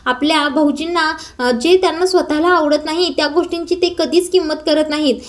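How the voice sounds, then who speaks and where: Brief: a woman doing a worried wife, coaxing and pleading, high voice. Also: steady tone, a little fast, natural voice.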